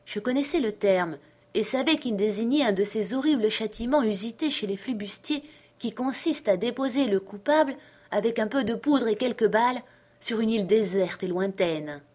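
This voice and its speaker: A woman reading a classic adventure novel aloud as steady, clear narration. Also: on the high side, moderate pace. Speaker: audiobook reader. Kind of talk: scripted narration.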